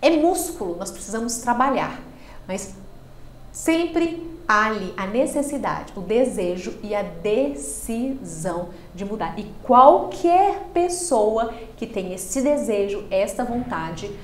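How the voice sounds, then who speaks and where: A Brazilian woman speaks as a podcast guest, her voice a touch high. She explains like a speech therapist, pushing her pitch and loudness up and down for emphasis. The studio around her sounds roomy and echoing. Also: takes it slowly, slight background noise. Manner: expressive, swings pitch and loudness to make points.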